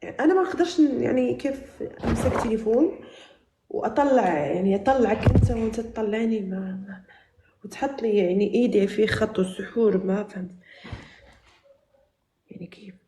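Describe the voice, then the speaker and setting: A woman's voice: a little high, fairly quick, pauses often. A woman with a slightly raised voice pleads and refuses again and again on a video call. The sound is echoey, with faint noise behind her. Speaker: prank target on a video call.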